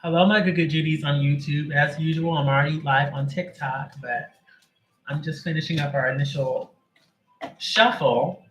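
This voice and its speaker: On a livestream before a reading, a male tarot reader makes casual chat, welcoming viewers by name between joking asides. His voice is a little high, fairly bright and steady, at a moderate pace, and the recording quality is low.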